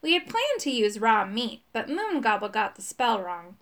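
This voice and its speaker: A woman narrating a storybook with plenty of expression. Her voice sits fairly high and leaps around in pitch. She leans into the suspense and the silly moments alike. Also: normal speed. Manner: expressive, dramatic reading. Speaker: audiobook narrator.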